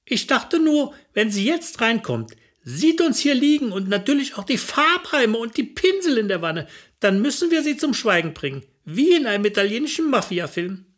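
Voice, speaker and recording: A woman's voice: on the high side, big pitch swings, moderate pace. A woman narrating a comic personal story in a chatty, wry manner.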